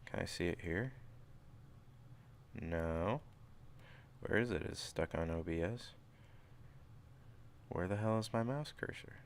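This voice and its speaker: With a low-pitched voice and vocal fry, a cold-stricken streamer in his thirties from near St. Louis casually worldbuilds a tabletop setting on a livestream from his small home room. He keeps a measured pace and takes long pauses, rambling, thinking aloud, and interrupting himself, sniffling throughout. The desk microphone and webcam recording carries a little hiss or hum.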